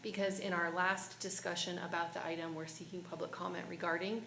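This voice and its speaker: Brief: woman board member, gravelly voice, formal and precise, echoey room. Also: lowish voice, little pitch movement, brisk, a bit bright, slight background noise. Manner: precise, formal, correcting herself. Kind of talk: formal statement for the record. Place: school board meeting room. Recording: echoey meeting room, faint ambience.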